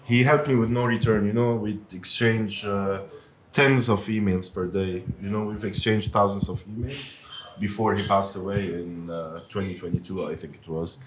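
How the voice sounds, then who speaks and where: A man from Lebanon who owns a pizzeria, talking casually in an interview with many pauses and fillers. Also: lowish voice, fairly even intonation. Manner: hesitant, many fillers, soft-spoken. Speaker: pizzeria owner. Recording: faint background noise.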